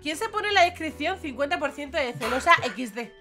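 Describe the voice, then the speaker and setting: A high, bright-voiced woman with a Spain Spanish accent gives excitable, giggly let's play commentary. She yelps playful barks as she plays. Her tone stays crisp and sharp. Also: fairly quick, soft background music. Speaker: gaming host.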